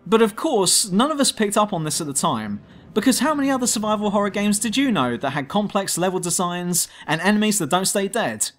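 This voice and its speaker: A man's voice: high voice, sing-song, brisk, faint music behind. A man narrating a scripted video game review as host, blunt and sardonic.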